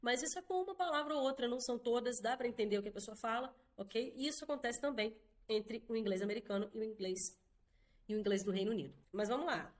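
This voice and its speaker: Brazilian woman, english teacher, casual online lesson, chatty, checks in with quick tag questions. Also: a little high. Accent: Brazilian Portuguese.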